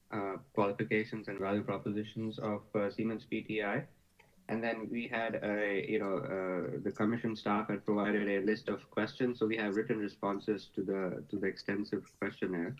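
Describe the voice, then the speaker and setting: A man presenting as a consultant over a video call, halting with many fillers and restarts. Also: on the low side. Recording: dull lo-fi video call audio.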